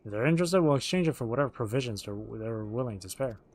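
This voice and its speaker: A man's voice: mid-range voice, lively intonation, fast, a little mellow, no room sound. A man streaming a game, reading its written dialogue aloud and acting it out as he goes. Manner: acts out the written dialogue as they read.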